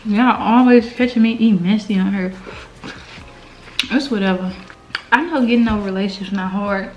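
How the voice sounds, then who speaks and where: A woman's voice: mid-range voice, normal speed, darkish tone, faint music behind. An American woman hosting a mukbang, giving earnest, informal, slangy advice in casual girl talk while she eats. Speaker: mukbang host. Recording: slightly dull, lo-fi sound.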